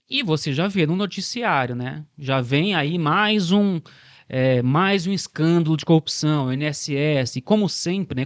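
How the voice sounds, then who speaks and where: A man's voice: mid-range voice, no room sound. A man with a Brazilian Portuguese accent discussing politics as a podcast host, reflective and building long arguments, often ending remarks with a questioning tag.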